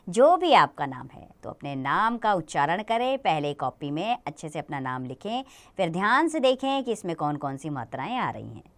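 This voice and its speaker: A woman teaching a children's grammar lesson, explaining slowly and patiently, often asking the children questions. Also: mid-range voice, fairly bright tone.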